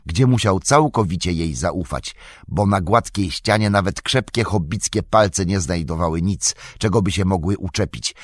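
A man narrating an audiobook in a measured, even storytelling manner. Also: low-pitched, no echo, clean studio sound.

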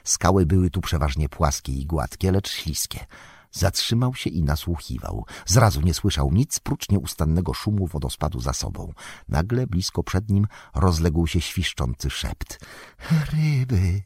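A man narrating an audiobook in a measured, unhurried storytelling manner. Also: rumbling low, big pitch swings, a little mellow, slightly rough, no room sound, studio quality. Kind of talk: scripted narration.

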